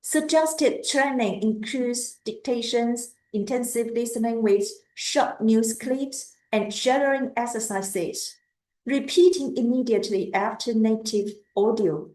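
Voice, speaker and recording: A woman giving a lecture on language teaching, speaking haltingly and repeating words as she goes. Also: a little high, darkish tone, echoey room, low-quality recording.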